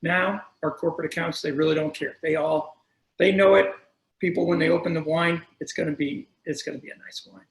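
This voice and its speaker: A man's voice: fairly high pitch, steady tone, a little fast, gravelly. Chatty man in an echoey room. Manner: chatty, storytelling, self-correcting. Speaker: wine shop owner hosting a tasting. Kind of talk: casual explanatory talk. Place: room at a wine shop. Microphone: video call.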